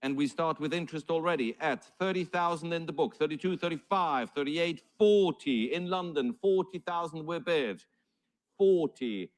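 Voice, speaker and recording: Higher-pitched male auctioneer calling bids. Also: normal speed. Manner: formal, courteous auctioneer's patter.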